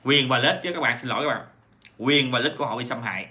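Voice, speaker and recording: A man's voice: mid-range voice, very fast, pushed and bright. A man giving a rambling commentary to his viewers, full of fillers, self-corrections and rhetorical questions. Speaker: YouTube commentator. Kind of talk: casual commentary monologue.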